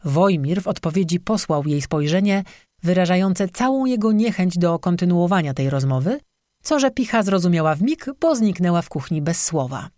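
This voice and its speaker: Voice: mid-range voice, animated, normal speed, a little mellow, no echo, clean studio sound. A reader giving vivid scripted narration of a folk legend. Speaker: audiobook narrator.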